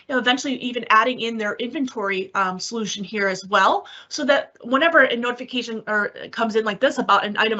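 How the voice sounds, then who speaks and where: A technical specialist, a woman with a fairly high voice, runs a software demo and answers questions in a webinar. She keeps it conversational, using examples and rhetorical questions, and the online call audio sounds dull and lo-fi.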